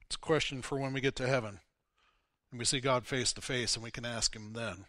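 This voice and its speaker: A man's voice: mid-range voice, steady tone, fairly quick, bright, forceful tone, no echo, studio quality. A man from Missouri preaching a sermon, telling a Bible story and acting out its dialogue. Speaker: pastor.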